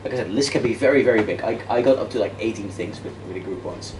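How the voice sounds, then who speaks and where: A Dutch-born man in his thirties gives an interactive debate workshop lecture, speaking fast in a lowish voice. He's casual and self-deprecating, restarting sentences and using plenty of fillers as he walks and gestures around a classroom with a projector screen. A distant camera picks him up, so the sound is echoey and noisy.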